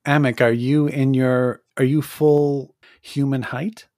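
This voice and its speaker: A man's voice: mid-range voice, steady tone, slow, a little mellow, no room sound, studio quality. A man narrating as game master in a loose way, with frequent fillers and laughs.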